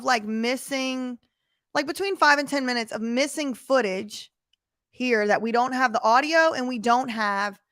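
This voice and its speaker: A woman's voice: a little high, fairly bright tone, dry recording, clean studio sound. A woman hosting casual commentary on footage, emphatic and fond of rhetorical questions to her viewers. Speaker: commentary host.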